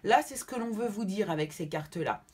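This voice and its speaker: A woman reads tarot cards for the people watching her channel. She speaks reassuringly and keeps checking that her listeners are following. Her voice is husky and slightly breathy. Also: medium pitch, animated, brisk, darkish tone. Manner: affectionate sign-offs to viewers. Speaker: tarot card reader. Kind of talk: tarot reading addressed to viewers.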